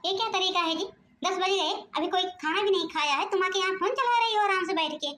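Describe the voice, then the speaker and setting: Cartoon mother-in-law, sarcastic and scolding, Awadhi accent, very high voice, put on by a woman, roomy home mic. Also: fairly quick, pushed and bright. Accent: Awadhi-region Hindi. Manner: nagging, exasperated, sarcastic. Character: scolding strict middle-aged mother-in-law. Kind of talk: home-made cartoon voice acting.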